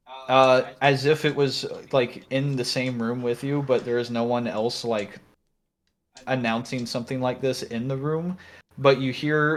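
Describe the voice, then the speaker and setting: A man with a medium-pitched voice runs a fantasy tabletop game. He improvises the scene as he goes, halting and searching for words in a conversational game-master style.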